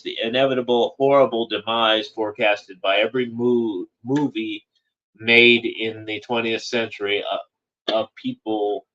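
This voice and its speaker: A man's voice: lowish voice, fairly bright tone, highs cut off. A man talking as a political commentator in a casual monologue, rambling and repeating phrases with frequent "you know".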